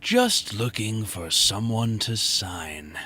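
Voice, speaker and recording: Creepy game delivery guy: very low, husky, slow, insinuating and falsely friendly. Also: big pitch swings, bright, forceful tone, exaggerated voice. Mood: creepy, probing. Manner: insinuating, mock-friendly, breaks into whispers. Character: creepy, leering delivery man with menacing flirtation. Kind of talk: video game voice acting.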